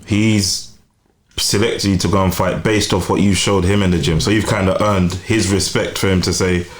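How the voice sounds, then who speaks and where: A man hosting a podcast, asking measured, thoughtful questions. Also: deep voice, fairly even intonation. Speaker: podcast host. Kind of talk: casual podcast chat.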